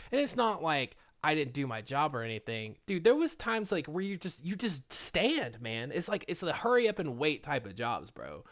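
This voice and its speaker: A man's voice: on the high side, a bit bright. A young man casually telling a work story, rambling and swearing, with "dude" and "like" in every line. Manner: rambling, profane, full of "dude" and "like". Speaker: vlogger.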